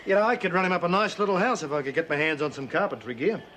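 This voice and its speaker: A man's voice: fairly high pitch, racing, slight background noise. An actor playing a cocky, easygoing Australian man who is new to the prison. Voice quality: relaxed, laid-back, slangy. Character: cocky easygoing male newcomer, friendly charmer. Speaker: prison newcomer. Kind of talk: TV drama acting.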